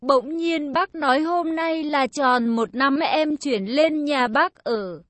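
A woman voicing a hesitant, apologetic young woman talking to her partner, soft and slow. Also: sits high, no room sound.

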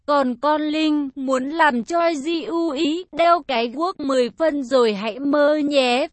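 A woman's voice: high-pitched, no room sound. A woman voicing a young man who mocks his friends. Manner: mocking, ribbing.

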